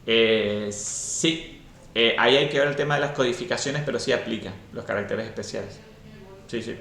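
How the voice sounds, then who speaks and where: A man's voice: medium pitch, normal speed, a bit bright, reverberant, slight background noise. A man teaching a programming class live and explaining step by step, often checking in with "¿sí?".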